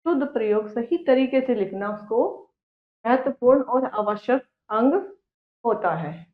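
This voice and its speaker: A woman teaching a grammar lesson to young pupils, speaking slowly, repeating each word and answering her own questions. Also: on the high side, animated. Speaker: Hindi teacher. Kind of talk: classroom lesson for children. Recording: echoey room, tinny phone-like sound.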